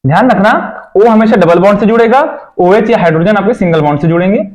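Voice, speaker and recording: A man's voice: high-pitched, fast talker, a little mellow. A young man teaching a chemistry lesson, checking in with his students often and repeating his own questions.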